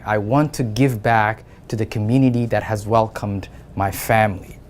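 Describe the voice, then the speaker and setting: A man from Somalia, a city council candidate, giving an earnest campaign statement in plain phrasing with a few hesitant fillers. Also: mid-range voice.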